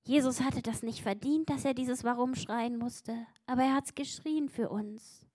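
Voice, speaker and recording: A woman's voice: a little high, steady tone, normal speed, mellow. A woman preaching a sermon with emphatic delivery, acting out quotes with mounting intensity. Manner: emphatic, acts out biblical quotes with rising intensity.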